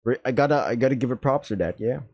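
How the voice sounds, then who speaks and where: A man chatting through a visual novel playthrough, his pitch sitting mid-range but bouncing lively all over. The sound is close and dry, with no room around it, and he tosses in quick slangy reactions between reads. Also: slightly rough, no echo. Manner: animated, slangy asides. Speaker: gamer playing a visual novel. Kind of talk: casual gameplay commentary with reading aloud.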